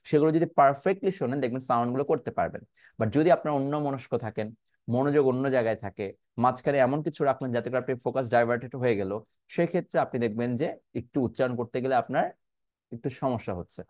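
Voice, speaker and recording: A man's voice: mid-range voice, darkish tone, no echo. Bangladeshi man teaching pronunciation, dry sound. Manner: repeats words slowly, stretching sounds to demonstrate; asks checking questions, mixes English into his talk. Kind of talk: online pronunciation lesson.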